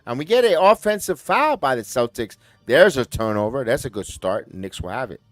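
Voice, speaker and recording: A man hosting a live watch-along, calling play-by-play in quick bursts that rise on big plays and talking to chat viewers by name. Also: mid-range voice, big pitch swings, dry recording, faint music behind. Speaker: host and play-by-play caller.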